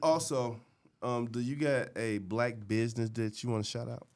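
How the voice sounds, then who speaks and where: A man co-hosting a podcast, joking around and chiming in with quick remarks. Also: mid-range voice. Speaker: podcast co-host. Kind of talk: casual banter.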